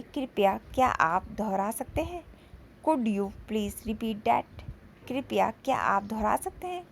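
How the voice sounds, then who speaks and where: A woman with an Indian accent teaching an English vocabulary lesson, saying each sentence in Hindi and then repeating it slowly in English. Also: medium pitch, creaky, a little hiss or hum, rough recording.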